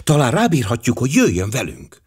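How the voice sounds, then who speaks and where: A playful young woman with a bright, teasing lilt, as a male audiobook reader puts her on. The voice rises well above his own and keeps a light, coaxing swing. She sounds mischievous and sociable. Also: medium pitch, wildly swooping pitch, husky, voice pushed up, full character voice. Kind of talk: audiobook character voice.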